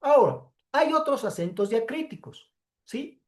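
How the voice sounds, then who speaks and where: Her high, expressive voice with a darkish tone guides a pre-recorded class lecture. This woman teacher explains slowly, step by step, and keeps checking in with her students through frequent "¿sí?".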